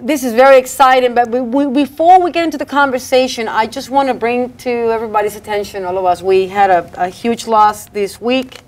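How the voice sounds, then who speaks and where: A woman's voice: a little high, fairly even intonation, fairly quick, few pauses. A woman hosting a talk show who chats effusively and repeats her words as she talks to her guests. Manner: effusive, repeats herself, warm asides to guests. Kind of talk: casual interview chat.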